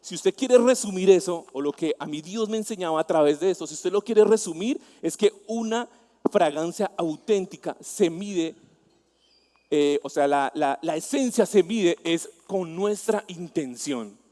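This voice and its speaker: A man with a Colombian accent, on the higher side for a man, preaching a sermon in a chatty, storytelling way. He keeps turning to the congregation with questions. His voice rings out with the long reverb of a church hall. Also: expressive, unhurried, dark tone. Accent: Colombian Spanish, Bogotá. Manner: conversational preaching, asks the congregation questions and tells personal stories.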